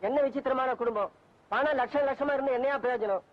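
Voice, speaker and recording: An actor playing a rich, sentimental old former wrestler who talks in a self-pitying, comic way, from an old film soundtrack. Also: male voice, extremely high pitch, fast talker, lo-fi sound. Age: older.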